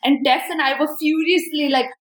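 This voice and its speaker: A woman's voice: high-pitched, fairly even intonation, normal speed, roomy sound. A woman with an Indian accent explaining things conversationally and emphatically, often acting out imagined dialogue.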